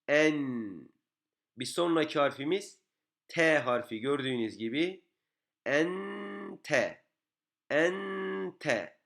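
A man teaches a beginners' reading lesson at an even, middling pitch. He goes step by step and says each syllable over and over. His tone stays patient and plain. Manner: patient, repeats each syllable several times.

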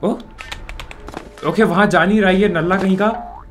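A man's voice: high-pitched, measured pace, faint music behind. A man with a sore throat, giving casual, jokey let's-play commentary over a game and teasing the character he controls. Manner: excitable, jokey, mock-insults the character. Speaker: gaming YouTuber.

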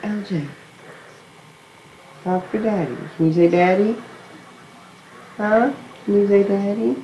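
A woman's voice: mid-range voice, slow pace, a little hiss or hum. A woman in a home video, patiently coaxing a baby in repetitive baby talk. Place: home indoors. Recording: dull, roomy 1990s home camcorder audio.

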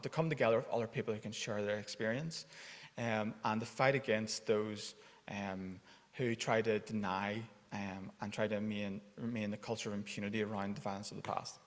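A man's voice: on the low side, steady tone, brisk. A man giving an informal conference welcome at a lectern, with many fillers. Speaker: conference organiser and academic. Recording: long hall reverb.

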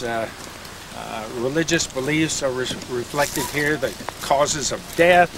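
Walking a group through a tree-lined cemetery, an older man with a mid-range voice explains things chattily, peppering his talk with fillers and restarts. A camcorder a few feet away records him, picking up traffic noise in the background.

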